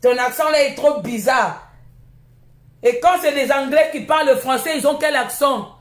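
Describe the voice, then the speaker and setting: On her live stream, a Congolese host with a high voice launches into a combative rant, scolding and insulting her critics in a Congolese French accent. Her pace is a little slow, and her words bounce around an echoey room.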